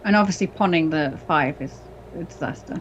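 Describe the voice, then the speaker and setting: Low-pitched woman thinking aloud over muffled audio. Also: fairly quick, slight background noise. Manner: thinking aloud about her moves, easygoing. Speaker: co-host and player on a mahjong stream. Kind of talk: casual live-stream game chat. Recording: slightly dull, muffled stream audio.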